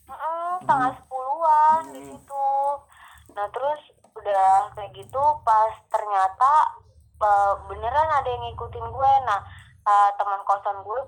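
A young woman recounts a spooky tale in relaxed, casual chat. She talks in loose runs full of fillers, restarts and little asides. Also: a little high, a little slow, low-quality recording. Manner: animated storytelling with many fillers. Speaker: storyteller guest.

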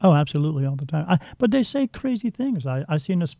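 Very animated and quick, a psychic medium with a high-leaning voice and some vocal fry tells blunt, rambling stories with many restarts in a casual interview. The sound is dull, lo-fi and dry, with no room sound.

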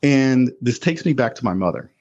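A man telling his life story as a podcast guest, candid and animated, acting out other people's voices as he goes. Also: medium pitch, normal speed. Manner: animated, acts out voices in quotes. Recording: dull lo-fi sound.

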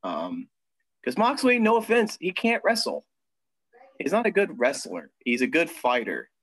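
A man's voice: fairly high pitch, wildly swooping pitch, measured pace, fairly bright tone, no echo, low-quality recording. Chatty young man on a podcast. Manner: chatty, with frequent ums and laughs. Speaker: podcast co-host. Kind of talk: casual chat. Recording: dry close sound.

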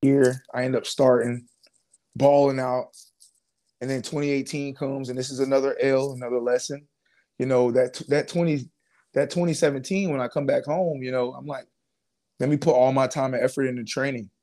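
Here a man in his twenties talks at a medium pitch and a moderate pace. Once a professional football player, he tells his story casually in an interview, relaxed, slang-heavy and scattered with fillers and restarts.

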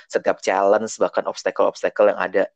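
A man's voice: sits low, little pitch movement, brisk, gravelly, dry recording. A man hosting a casual interview, prompting and summing up his guest's points. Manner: encouraging, sums up and prompts. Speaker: host. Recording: dull, dry lo-fi recording.

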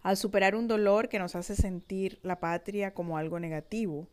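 A woman narrating a scripted, reflective text in a measured, thoughtful way. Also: mid-range voice, darkish tone. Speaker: narrator reading her own reflective text.

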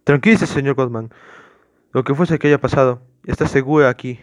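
A man's voice: medium pitch, a little fast, no echo, natural voice. A man voicing a stern small-town police officer who questions a suspect in a firm, formal, commanding way.

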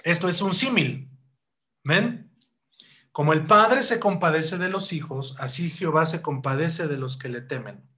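A man preaching a sermon, asking rhetorical questions and addressing the congregation as brothers, with loud rising bursts and slow deliberate stretches. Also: on the high side. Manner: rhetorical questions, keeps calling hearers "hermanos". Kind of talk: sermon teaching.

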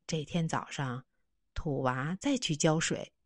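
A woman narrating a children's story in an expressive, animated way. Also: low-pitched, takes it slowly, dry recording, clean studio sound.

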